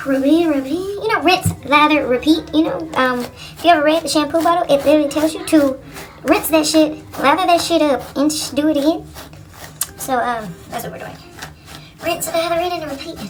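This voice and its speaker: A woman's voice: high voice, recorded from a distance, poor audio. A woman vlogger giving a casual how-to, joking and profane, who keeps asking "you know?". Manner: joking, self-mocking. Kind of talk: casual tutorial chat.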